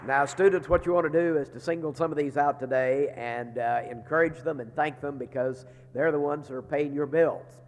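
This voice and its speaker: A middle-aged seminary leader makes folksy, joking chapel announcements in a large chapel, peppering them with "uh." A sinus infection leaves him congested, as if speaking from inside a barrel, and his fairly high voice runs at normal speed with few pauses. The hall's long reverb carries a little hiss or hum.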